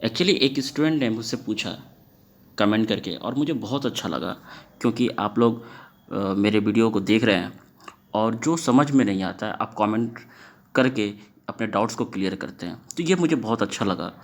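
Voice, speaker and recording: Lively man teaching a lesson. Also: fairly low pitch, normal speed. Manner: questions the class often and stretches words to stress sounds. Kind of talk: classroom lesson explaining to students.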